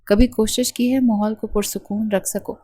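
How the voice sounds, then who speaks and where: A woman's voice: medium pitch, fairly even intonation, dark tone, breathy edge, lightly acted. A woman voicing a stern, domineering young husband in an audio novel, speaking in a curt, commanding way.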